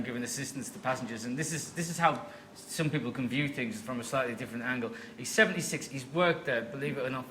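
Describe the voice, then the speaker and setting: A man's voice: medium pitch, pushed and bright, slight background noise, low-quality recording. A man, a comedian guest, telling a self-deprecating story on stage at a live comedy show. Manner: wry, self-deprecating anecdotes.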